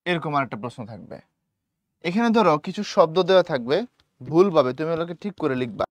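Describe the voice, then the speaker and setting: A man's voice: a little high, lively intonation, fast, no room sound. A young man teaching an exam-prep lesson, speaking colloquially, repeating key points and often checking that students understand.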